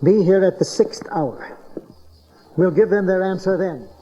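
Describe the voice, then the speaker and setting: A man's voice: sits high, measured pace. An actor playing an old, scornful, scheming tyrant king in a dramatized audio Bible, with an imperious, sneering manner. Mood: cold scheming. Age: older. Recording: dull cassette tape transfer.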